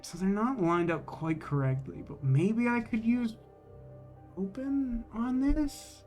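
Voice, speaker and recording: Soft music plays under a man's high-pitched, slightly mellow voice, which moves at a slow pace. He streams games live, musing aloud in a rambling, casual way and second-guessing himself as he goes.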